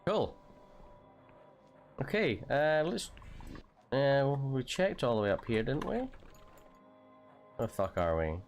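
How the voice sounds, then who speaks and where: A man's voice: medium pitch, very animated, slow pace, pauses often, highs cut off, soft background music. A man streaming a video game, chatting casually, reading in-game lines aloud and making goofy sound effects with a playful, swearing manner. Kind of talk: casual gameplay commentary.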